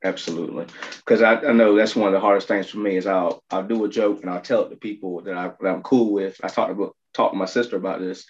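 Low-voiced guy hosting a podcast, earnest and thankful, muffled lo-fi sound. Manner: earnest, grateful, agreeable. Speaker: podcast host. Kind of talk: casual podcast conversation. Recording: dull lo-fi audio.

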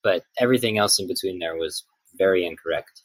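A man in his late teens co-hosting a podcast, dry and deadpan as he corrects his friend in casual chat. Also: low voice, fast, breathy edge, dry recording, low-quality recording. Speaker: podcast co-host.

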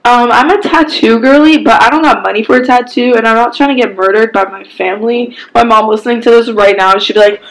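Young woman, podcast co-host, high-ish slangy casual chatter, echoey room. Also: fairly even intonation, fairly quick, few pauses. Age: young adult. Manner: slangy, laughing, loose and playful. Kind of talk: casual chat.

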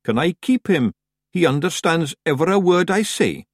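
Excitable, high-pitched Scottish fairy rogue. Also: male voice, moderate pace, no room sound, clean studio sound. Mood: eager. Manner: excitable, earnest, dialect-heavy. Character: Daft Wooly, tiny male fairy rogue, eager, nervous, simple.

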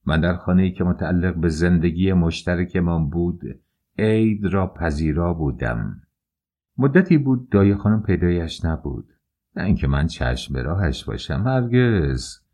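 A man narrating an audiobook in the first person, calm and measured. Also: low-pitched.

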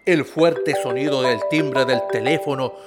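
A man giving measured, somber narration for a radio drama. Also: mid-range voice, over loud music. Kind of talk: scripted narration.

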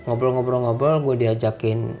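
A young man telling a casual, animated story in slang, acting out the dialogue. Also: mid-range voice, moderate pace, faint music behind.

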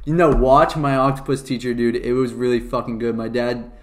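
Young man, podcast co-host, rapid casual chatter full of swearing and "dude", recorded in an echoey room. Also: mid-range voice, little pitch movement. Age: young adult. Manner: fast-talking and profane, says "dude" a lot. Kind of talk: casual chat.

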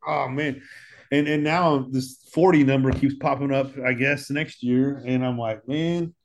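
A man's voice: mid-range voice, steady tone, a little slow. A man in his thirties with an American accent, a firefighter talking earnestly in a casual chat and often repeating words as he thinks. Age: 30s. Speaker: firefighter guest.

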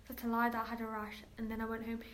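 A woman's voice: fairly high pitch, completely flat delivery, very fast, fairly bright tone, a little hiss or hum. A woman chatting casually as a guest, using many filler words. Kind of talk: casual chat.

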